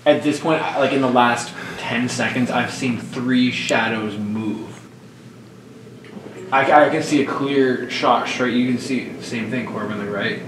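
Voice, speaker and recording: A young man chatting casually and excitably during a night ghost investigation, often repeating himself. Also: mid-range voice, unhurried. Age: young adult. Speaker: ghost hunter. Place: dark cluttered room indoors on a ship. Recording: noisy, echoey, distant camera mic.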